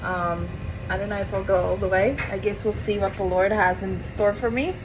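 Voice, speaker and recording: A young South African vlogger with an Afrikaans accent tells a rambling, chatty story to camera, full of asides and self-corrections. Her mid-range voice is steady at normal speed, and the home recording is noisy with appliances running.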